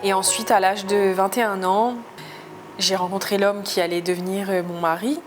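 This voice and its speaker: A woman's voice: medium pitch, level tone, moderate pace. A woman from France giving a personal testimony in a confessional storytelling style, hesitant and searching for her words. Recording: music behind the voice. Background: clearly audible music.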